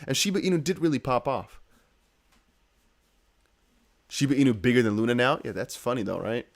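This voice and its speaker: With a medium-pitched, creaky voice, a man from the Netherlands talks crypto news on his livestream in a Dutch accent. He moves at a normal speed and stays animated, casual, and emphatic, repeating himself often and talking right to his viewers.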